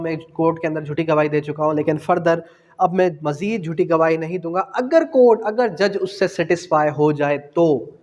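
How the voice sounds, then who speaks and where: A Pakistani man delivers an exam-prep law lecture in a fairly high, slightly mellow voice, mixing in English legal terms. He's didactic, repeating phrases and asking questions he then answers himself. The audio is muffled and carries the long, echoing reverb of a hall.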